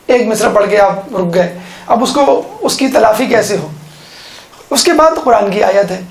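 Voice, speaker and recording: A woman's voice: a little high, roomy sound. A woman giving an instructional lecture on how to give sermons, explaining step by step and often checking in with her listeners. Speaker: religious teacher.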